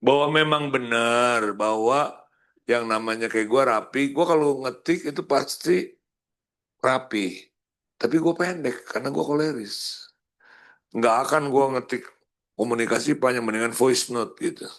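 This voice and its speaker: A man's voice: mid-range voice, measured pace, pauses often, fairly bright tone. A man coaching a sales team, casual and slangy, acting out short example greetings. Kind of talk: coaching session.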